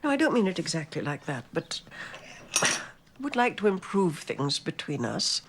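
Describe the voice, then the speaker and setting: An elderly English mother with the cool air of a dowager duchess. Her speech is genteel and clipped, with lively swings of pitch. The television drama recording has clear background noise. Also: moderate pace. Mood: stiff, guarded. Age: older. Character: cool, haughty elderly mother of a grown son.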